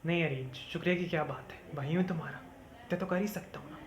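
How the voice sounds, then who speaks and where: A performer playing an earnest young man, a caring elder brother, who talks in a steady, reassuring way in an amateur short film. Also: mid-range voice, fast talker, lightly acted. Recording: echoey room with steady background noise.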